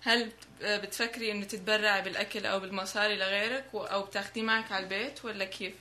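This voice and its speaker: A woman's voice: mid-range voice, steady tone, very fast, sharp tone. A woman with a Levantine Arabic accent talking conversationally as an interview guest. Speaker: guest from a charity project.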